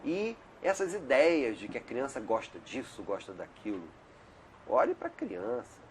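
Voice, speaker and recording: Chatty middle-aged man, medium pitch. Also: huge pitch swings, a little slow, a little hiss or hum. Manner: chatty, digressive, frequent "né?" tags. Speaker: homeopathic doctor, interview guest. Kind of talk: casual conversational interview. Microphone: video call.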